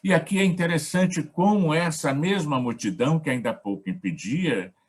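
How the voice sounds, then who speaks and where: A man with a Brazilian accent facilitating a gospel study, talking in a measured, reflective way in short phrases. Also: a little high, husky. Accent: Brazilian Portuguese. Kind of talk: reflective spiritual talk.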